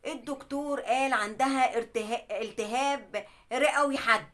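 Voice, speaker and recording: A woman with an Egyptian accent narrating a dramatic first-person life story with emotional, animated delivery, then giving advice. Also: a little high, moderate pace. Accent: Egyptian Arabic.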